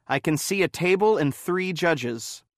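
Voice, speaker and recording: A man narrating a first-person story in a plain, simple and clear way. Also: on the high side, expressive, measured pace, no room sound, studio quality.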